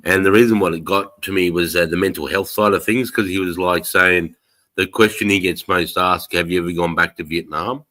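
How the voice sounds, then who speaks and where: A man's voice: deep voice, steady tone, fairly quick, bright, forceful tone. An Australian man hosting a casual livestream, chatting in a blokey, slangy way with plenty of swearing. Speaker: livestream host.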